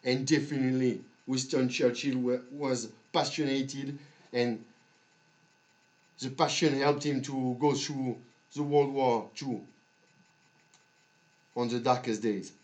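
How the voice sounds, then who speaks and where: Man, slow pace, mid-range pitch, halting delivery, long pauses, motivational podcast monologue. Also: steady tone, darkish tone, poor audio. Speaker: podcast host.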